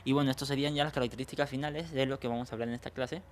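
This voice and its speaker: A man's voice: medium pitch, fairly even intonation, rapid-fire. A man teaching a grammar lesson, explaining step by step and often checking that students follow along. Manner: explanatory, checks understanding with frequent questions. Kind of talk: online language lesson.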